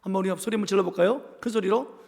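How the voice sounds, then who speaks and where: A man from the capital region preaches a sermon in a church sanctuary. His voice sits high and carries a gravelly fry, and a long hall reverb trails every phrase. He preaches with emphasis and leads the congregation in call-and-response. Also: very fast, a little mellow. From Seoul capital region. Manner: acts out quoted voices in his telling. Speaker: pastor.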